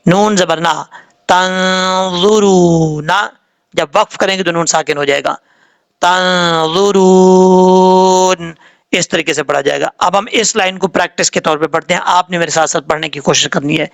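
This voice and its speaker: Gravelly high-voiced male tajweed teacher. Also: a bit bright. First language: Urdu. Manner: spells syllables slowly, then explains quickly; chants verses in a raised, drawn-out tone. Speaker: Quran recitation teacher. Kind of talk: Quran tajweed lesson.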